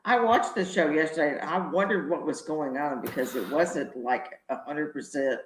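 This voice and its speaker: A woman's voice: low voice, normal speed, roomy sound, very noisy. A woman co-hosting a talk show, making dry, wry remarks. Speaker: show co-host. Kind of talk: casual talk show chat.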